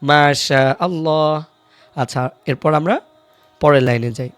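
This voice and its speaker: A man's voice: a little high, fairly bright tone, no echo, soft background music. Man teaching Quran reading, patient and dry-sounding. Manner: patient, repeats each syllable slowly for students to follow. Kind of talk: online recitation lesson.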